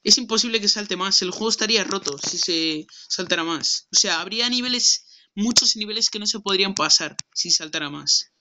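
A man's voice: sits high, fairly quick, background noise. A young man from Spain, commentating his gameplay brashly and swearing as he argues with someone off-mic. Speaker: gaming streamer.

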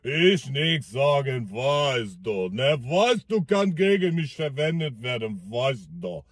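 A man's voice: mid-range voice, big pitch swings, slow, breathy edge, no echo, clean studio sound, pitched below the performer's own voice, exaggerated voice. A man voicing a very drunk, surly tall Russian man who speaks broken German with a Russian accent. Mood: evasive. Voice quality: broken German, slurred and drawling. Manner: dismissive, repeats "you know".

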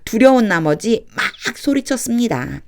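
A woman's voice: on the high side, very animated, creaky. Patient woman teaching English Bible reading. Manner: patient, repeats and breaks sentences into chunks; reads English lines very slowly and deliberately. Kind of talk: explanatory lesson, reading aloud slowly.

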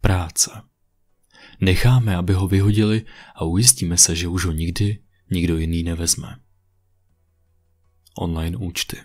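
A man narrating a creepypasta in a steady, even horror-story reading on a condenser microphone. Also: sits low, pauses often, faint music behind. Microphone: USB condenser mic.

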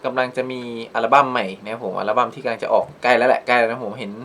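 A man's voice: mid-range voice, steady tone, very fast, bright, forceful tone, a little hiss or hum. A man hosting a reaction channel, chatting casually about a performance, rambling with lots of restarts and polite phrasing.

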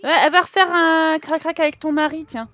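Chatty high-voiced French woman playing a game. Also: steady tone, fairly quick, pushed and bright. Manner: chatty, talks to her characters, giggles often. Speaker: gameplay YouTuber. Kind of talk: casual let's play commentary.

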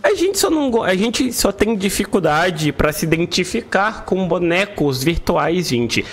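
A young Brazilian man hosting a casual group reaction stream, animated and jokey, swearing now and then. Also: high-pitched, a little slow, soft background music. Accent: Brazilian Portuguese. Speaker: streamer host.

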